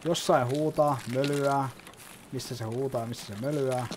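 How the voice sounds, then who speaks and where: A man talks his way through a match, explaining each move and swearing freely. His voice sits in a middling pitch, and loud game noise runs under everything he says. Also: fairly even intonation. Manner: chatty, explains as he plays, swears often. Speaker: gaming YouTuber. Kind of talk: gameplay commentary.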